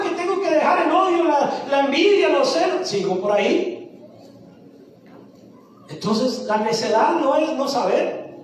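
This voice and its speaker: In a church sanctuary, a woman pastor with a high voice delivers a sermon, asking her congregation questions and then supplying the answers. There's a little hiss or hum, and the recording sounds distant and echoey, with faint music.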